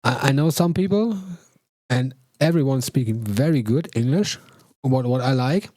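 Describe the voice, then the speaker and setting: Host: man, mellow dark voice, talkative and rambling, dry sound. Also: mid-range voice, no echo. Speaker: stream host, producer. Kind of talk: casual chat on a stream.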